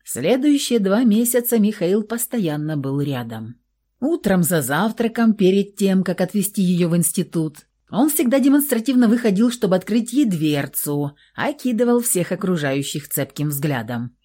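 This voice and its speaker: A woman narrating a novel aloud in an expressive, dramatic audiobook style. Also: medium pitch, normal speed.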